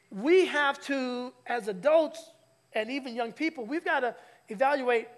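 A man preaching a conversational sermon in church, teasing the congregation and calling for their replies. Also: very high-pitched. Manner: lively, teasing, calls for audience replies. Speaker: pastor. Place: church sanctuary.

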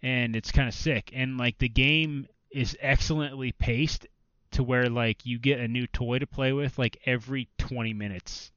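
Rambling man with a smooth voice. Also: mid-range voice, steady tone, normal speed, fairly bright tone, no room sound, muffled recording. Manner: rambling, filler-heavy, restarts often. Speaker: podcast co-host. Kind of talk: casual chat about video games.

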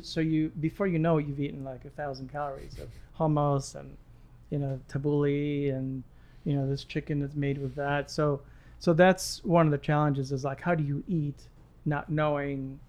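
A man in his sixties from Lebanon, a gym client and guest, chats in a friendly, meandering style with many restarts. His voice is on the high side and darkish.

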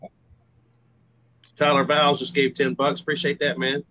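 A man's voice: medium pitch, level tone, moderate pace, pushed and bright, slight background noise. A man chatting casually and hesitantly on a live video call, his voice sounding tinny and metallic, like it is in a tin can. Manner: hesitant, full of fillers and restarts. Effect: tinny, metallic tin-can audio. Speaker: paramotor student.

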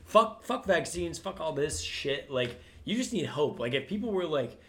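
A man's voice: fairly high pitch, sing-song, moderate pace, fairly bright tone. A man co-hosting a podcast, joking and rambling in casual chat, swearing often. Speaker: podcast co-host.

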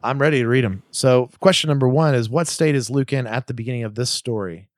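A man's voice: medium pitch, fast talker, no room sound, studio quality. A man co-hosting a casual podcast, chatting in an easygoing, joking way. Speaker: podcast co-host.

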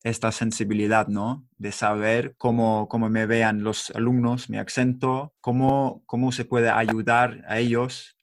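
Relaxed man asking questions. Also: medium pitch, measured pace, few pauses. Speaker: interviewer. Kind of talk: casual conversation.

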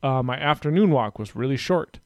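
A man's voice: medium pitch, expressive, fairly quick, darkish tone, no room sound. A man hosting a podcast, chatting casually and rambling with lots of fillers and restarts. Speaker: podcast host. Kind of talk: casual chat.

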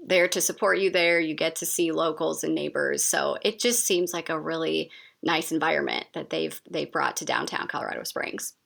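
A woman's voice: deep voice, moderate pace, vocal fry, fairly bright tone. A woman co-hosting a podcast, talking about a local business in an upbeat, enthusiastic way. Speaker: podcast co-host. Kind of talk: conversational interview.

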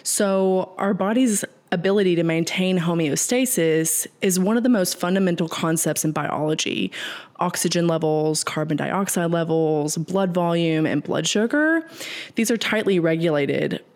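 A woman with a fairly low voice talks in a relaxed podcast style, walking the listener through each idea in order. When a long word trips her up, she laughs it off and carries on. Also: normal speed. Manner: explains step by step, stumbles over big words and laughs it off. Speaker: podcast host explaining nutrition science. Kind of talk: casual explanatory podcast talk.

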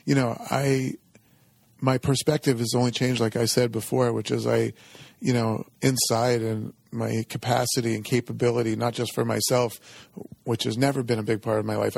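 Middle-aged man with a gravelly, creaky voice. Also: medium pitch, level tone, a little mellow, no echo. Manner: halting, informal, frequent "you know". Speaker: interview guest, company executive. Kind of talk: reflective personal storytelling in conversation.

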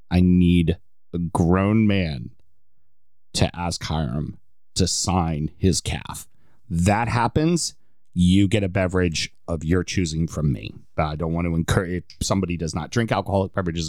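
A man's voice: sits low, normal speed, darkish tone, no echo, studio quality. A man hosting a casual sports podcast, with joking, rambling, self-deprecating banter. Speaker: podcast host.

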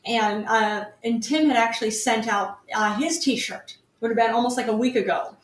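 Bright-pitched woman host in an echoey room. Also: steady tone, moderate pace. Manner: upbeat, friendly, relays what others say. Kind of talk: casual call-in show hosting.

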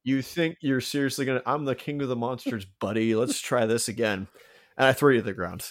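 A man's voice: medium pitch, fairly quick, close to an everyday voice. A man playing a boastful monster king. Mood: taunting. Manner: mock-boastful trash talk in first person. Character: boastful male giant monster king, taunting.

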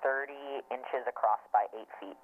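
A teenage boy comes through a speakerphone on a thin, tinny phone line. His voice sits at an ordinary middle pitch, and he answers in short, offhand bits of casual chat. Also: a little slow, slight background noise. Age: early teens. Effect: heard through a phone on speakerphone. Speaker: phone caller.

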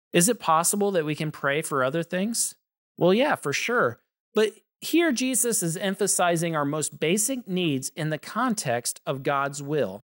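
A man's voice: fairly high pitch, fairly bright tone. Earnest man teaching on prayer. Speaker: podcast host and preacher. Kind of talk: scripted Bible teaching podcast.

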